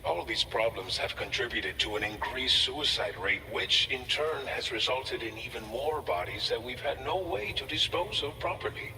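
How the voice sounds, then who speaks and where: An actor playing an earnest, grateful outpost staffer in a video game, speaking in a measured, formal way from a distance with reverb. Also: male voice, mid-range voice, animated, crowd noise, lightly acted. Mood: grave. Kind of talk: scripted video game dialogue. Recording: distant, long reverb, faint noise.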